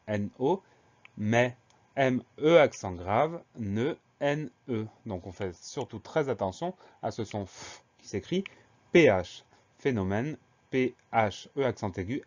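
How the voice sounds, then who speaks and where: A man teaching a spelling lesson to schoolchildren, spelling words out letter by letter in a slow, careful way. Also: medium pitch, a little mellow. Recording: slightly dull lo-fi sound.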